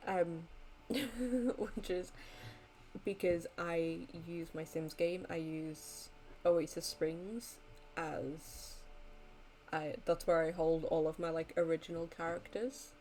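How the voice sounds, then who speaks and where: A woman's voice: fairly low pitch, dark tone, slight background noise, poor audio. A tired young woman wrapping up a live stream, rambling casually with many ums and likes. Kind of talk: casual end-of-stream chat.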